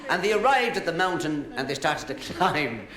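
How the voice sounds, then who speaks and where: Lively Irish comedian telling jokes. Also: male voice, a little high, moderate pace, crowd noise. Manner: chuckles at his own jokes. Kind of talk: stand-up joke telling. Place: live show before an audience. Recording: roomy live-room echo.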